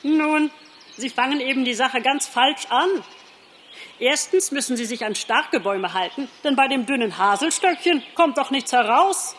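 A woman's voice: high-pitched, lively intonation, normal speed, fairly bright tone, in a large hall, slight background noise, pitched above the performer's own voice. A woman voicing a merry, blunt male woodpecker in an audiobook, teasing and plain-spoken. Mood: jolly. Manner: jolly and teasing, talks plainly. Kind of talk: audiobook character voice.

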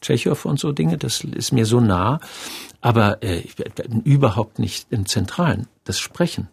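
Husky, gravelly-voiced man in his sixties. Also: medium pitch, lively intonation, measured pace. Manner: thoughtful, reflective storytelling. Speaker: theater director and reader. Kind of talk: radio interview.

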